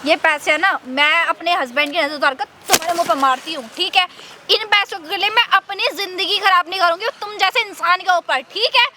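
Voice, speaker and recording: Actress for a defiant young wife in a short drama: very high, fast, bright, indignant and pleading. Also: female voice, slight background noise, heavily acted. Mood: scornful. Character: young married woman defying her husband's uncle. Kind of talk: amateur short-drama acting.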